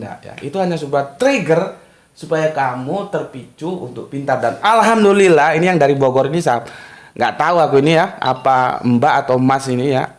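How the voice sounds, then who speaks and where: Male religious teacher, live chat host, casual and animated, slightly high, echoey room. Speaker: religious teacher answering viewer comments. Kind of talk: casual live study talk.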